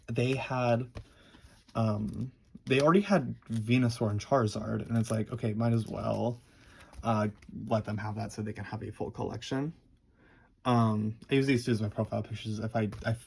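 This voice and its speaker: A young man with a lisp and a husky, creaky voice, rambling and halting through a casual, sweary show-and-tell. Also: fairly low pitch, darkish tone, slight background noise. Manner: rambling, halting, enthusiastic wording. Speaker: card collector presenting a collection.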